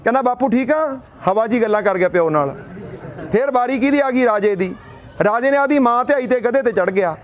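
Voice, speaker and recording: High-pitched man from Punjab rallying a crowd. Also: expressive, brisk. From Punjab, India. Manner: rhetorical questions and folksy storytelling. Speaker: speaker at a protest sit-in. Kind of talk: impassioned public speech. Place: outdoor protest gathering.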